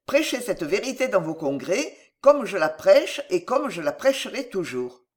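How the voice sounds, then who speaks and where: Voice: medium pitch, big pitch swings, normal speed, close to an everyday voice. A reader as an earnest old orator. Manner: earnest, preaching tone. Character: older man, earnest political orator and father.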